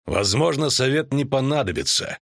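A man reading an audiobook voices a grim, steady monster-hunter who speaks calmly and firmly. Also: lowish voice, normal speed, slightly rough, dry recording, clean studio sound. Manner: calm, firm speech.

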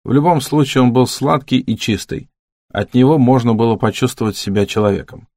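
A man reading an audiobook in a measured, steady narrating voice. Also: mid-range voice, no echo, clean studio sound. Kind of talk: scripted narration.

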